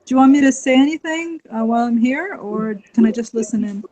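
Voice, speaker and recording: Warm-voiced woman on a video call. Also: on the high side. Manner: quick, friendly, laughing asides. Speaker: faculty developer. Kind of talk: remote call-in chat. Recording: dull remote call audio.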